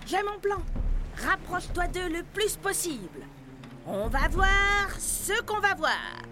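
A woman's voice: high voice, animated, normal speed, background noise, voice pushed up. A woman doing a cocky young pirate boy. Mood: bold. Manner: cheerful, self-assured. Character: bold young male pirate, cheeky and confident. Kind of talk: storybook reading.

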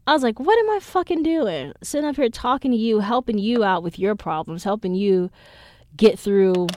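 A woman's voice: medium pitch, no room sound, clean studio sound. Blunt, profane woman in her twenties. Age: 20s. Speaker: podcast host. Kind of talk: casual chat.

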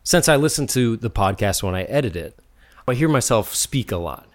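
A man's voice: mid-range voice, lively intonation, moderate pace. A man co-hosting a casual podcast, upbeat and playful as he banters. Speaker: podcast co-host. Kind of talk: casual chat.

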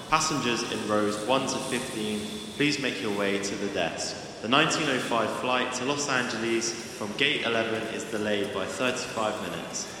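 A man playing an airport announcer, calling out flights and gates in a formal, measured way over an intercom. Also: fairly low pitch. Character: adult male airport announcer. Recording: echoey public-address hall with background noise.

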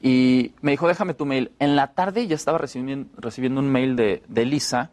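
A man with a Mexican accent, an actor chatting as a guest and telling stories in a loose, relaxed way with restarts. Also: mid-range voice, moderate pace. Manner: relaxed storytelling, fillers and restarts. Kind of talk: casual interview chat.

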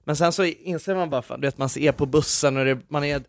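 A young man hosting a podcast, telling stories in animated casual chat and swearing freely. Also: fairly high pitch, no echo, studio quality. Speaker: podcast host.

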